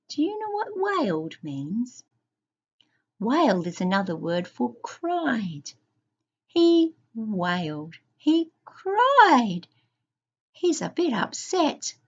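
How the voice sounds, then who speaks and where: A woman reads a children's story slowly and with lively, swooping pitch, stopping to ask young listeners questions. Her voice sits a little high and comes through a muffled, lo-fi recording. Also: slightly rough. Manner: asks young listeners questions, sing-song. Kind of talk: expressive storybook reading.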